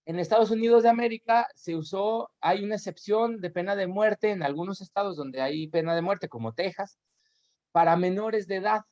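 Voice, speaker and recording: A man's voice: sits high, moderate pace, a little mellow. A man with a Mexican accent giving an academic lecture over videoconference, explaining at length with tag questions and self-corrections. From Aguascalientes, Mexico. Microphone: video call. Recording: dull lo-fi video call audio.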